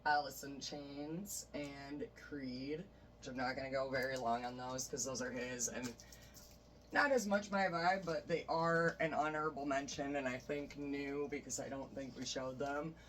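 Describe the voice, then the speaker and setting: A man's voice: medium pitch, a little slow, a bit bright. A man chatting casually and enthusiastically as he shows off his record collection, rambling with many fillers. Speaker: vlogger showing a vinyl record collection. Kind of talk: casual chat. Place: bedroom. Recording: voice a bit distant from the mic, faint noise.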